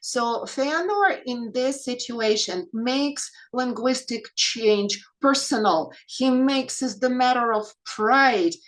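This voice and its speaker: Female conference presenter, slightly high voice, academic lecture, questioning and hesitant delivery. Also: lively intonation, takes it slowly, few pauses, poor audio. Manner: poses rhetorical questions, frequent hesitations.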